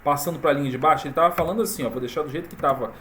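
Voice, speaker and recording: A man walking viewers through a software tutorial in a casual, chatty way, full of fillers and tag questions. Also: fairly high pitch, rapid-fire, slight background noise. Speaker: tutorial presenter. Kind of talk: casual screen-recorded tutorial.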